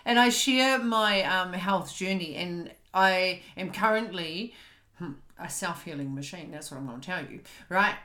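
A woman's voice: fairly low pitch, unhurried, bright, forceful tone. A woman hosting a podcast from home, talking candidly and often stopping to search for words. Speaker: podcast host. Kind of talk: casual chat. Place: home, on a couch. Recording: roomy echo.

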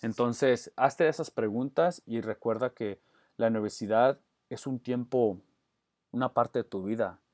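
A man's voice: medium pitch, a little slow, a little mellow, dry recording, studio quality. A man who works as an educator, answering interview questions earnestly, often slipping English words into his Spanish and restarting phrases. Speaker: guest, educator.

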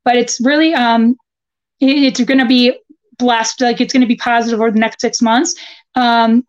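A woman astrologer giving a casual horoscope reading, informal and halting as she thinks aloud. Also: a little high, level tone, lo-fi sound. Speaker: guest astrologer.

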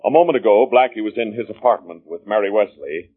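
A man's voice: fairly low pitch, quick pace, husky. A man announcing and narrating a scene in an old radio drama, heard as an old radio broadcast. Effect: old radio broadcast sound. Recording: thin, narrow old radio broadcast with music behind.

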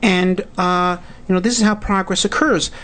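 A man with a Brooklyn New York accent, speaking as an expert guest in a radio interview, halting but earnest. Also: sits high, steady tone, fairly bright tone. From United States. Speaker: guest expert, society president.

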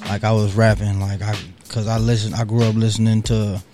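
A man's voice: lowish voice, level tone, brisk. Laid-back rapper guy chatting easy, slangy, music bumping behind him. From California. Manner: laid-back slangy talk, repeats "you feel me". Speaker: guest rapper. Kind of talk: casual interview chat.

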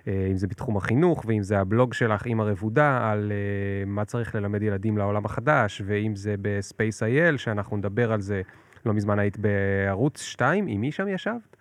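Low-voiced male podcast host. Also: no echo. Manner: relaxed, chatty, self-correcting. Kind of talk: casual interview.

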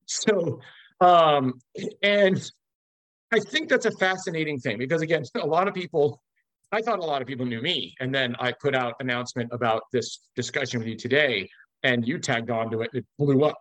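A man's voice: fairly high pitch, a bit bright, dry recording, low-quality recording. An American man from Los Angeles hosting a casual interview, talking in an expansive, emphatic way. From Los Angeles, USA. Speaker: interview host.

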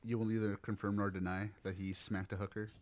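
A man's voice: lowish voice, flat delivery, fast talker. A man, co-hosting a podcast in casual chat, teasing, laughing and swearing freely. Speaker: podcast co-host.

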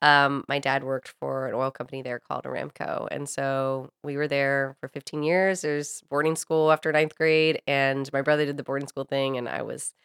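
This podcast co-host, an American woman from Saudi Arabia raised by a US family on a compound, chats informally and candidly, sharing personal stories with some swearing. Her voice is very deep, clear and resonant, fairly bright, with little pitch movement, a moderate pace and few pauses. The audio is studio quality with no room sound.

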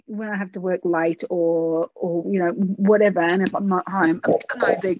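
A woman's voice: lowish voice, steady tone, normal speed, dull audio. A woman co-hosting a podcast, talking hesitantly with frequent restarts. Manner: hesitant, many fillers and restarts. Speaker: podcast co-host. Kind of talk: casual chat.

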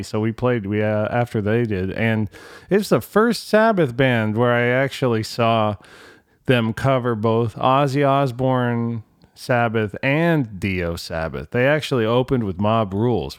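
A man's voice: medium pitch, clean tone, no room sound, clean studio sound. A middle-aged man hosting a casual solo podcast from a home room, talking in a colloquial, mildly salty way, rambling and often doubling back on his own words. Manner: rambling, self-interrupting, repeats words. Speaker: podcast host, musician. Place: untreated home room with bare walls and carpet.

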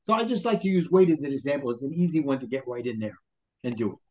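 Speaking quickly in a warm, mid-range voice with lively intonation, a Brooklyn-accented life coach from Brooklyn, New York, explains things as a podcast interview guest. He motivates by asking questions and acting out people's self-talk, though the recording is muffled.

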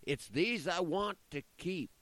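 A man voicing Satan as a scheming boss of demons in a recited poem, with a slow drawl. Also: on the low side, animated, no room sound. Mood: commanding, sly. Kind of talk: recited cowboy-style poem.

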